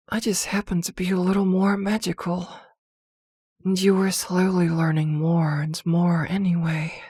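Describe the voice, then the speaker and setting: In an intimate ASMR roleplay, a woman voices a possessive, protective witch girlfriend, speaking softly and soothingly with hesitant pauses. Her pitch sits fairly low, and the recording is clean studio sound with no room tone.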